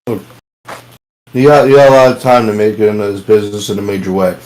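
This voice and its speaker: A man's voice: lowish voice, fast, darkish tone, rough recording. A man co-hosting a comedy podcast, teasing his co-host in a dry way. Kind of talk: casual chat.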